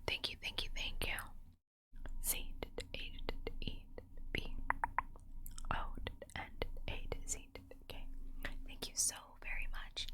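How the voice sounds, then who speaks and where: A woman whispering fast and softly in a chatty ASMR livestream, often repeating words in quick bursts. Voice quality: soft, mostly unvoiced whisper. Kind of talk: whispered ASMR casual chat with viewers.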